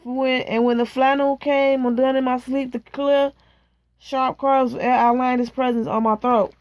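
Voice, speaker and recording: Woman reading a novel out loud, kinda high voice, slow and tired, super dry close sound. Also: flat delivery, no room sound. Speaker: reader. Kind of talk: reading a novel aloud with casual asides.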